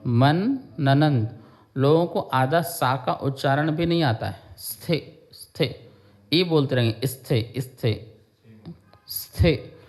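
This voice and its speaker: A man teaching a devotional lesson, slowly explaining a hymn verse by verse, chanting lines and drilling their pronunciation. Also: medium pitch, darkish tone. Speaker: Jain monk teaching scripture.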